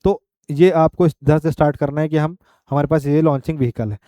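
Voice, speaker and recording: A male teacher gives an exam-prep lecture. He moves step by step through the material and keeps checking in with the class. His voice sits fairly high, with a mellow, smooth tone, recorded close and dry. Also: steady tone, fairly quick, no room sound. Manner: explains step by step, with frequent "ठीक है" checks.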